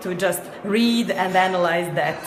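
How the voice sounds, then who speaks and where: A slow-talking woman with a Serbian accent, pausing often on fillers as she explains her work. Her voice rings in an echoey room with a crowd chattering behind her. The pitch sits in an ordinary middle range. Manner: hesitant, many fillers, light laughs. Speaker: guest, company co-founder. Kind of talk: interview answers. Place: noisy event venue. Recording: echoey busy venue with crowd.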